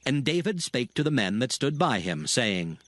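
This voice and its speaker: A man's voice: mid-range voice, sing-song, normal speed, fairly bright tone. A man narrating scripture as a scripted dramatic audiobook.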